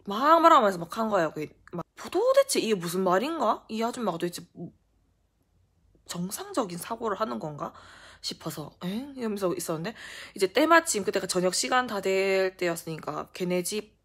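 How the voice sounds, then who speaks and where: A young adult woman vlogger telling a story in a casual storytime style, animated and full of fillers. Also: mid-range voice, fairly quick, breathy edge.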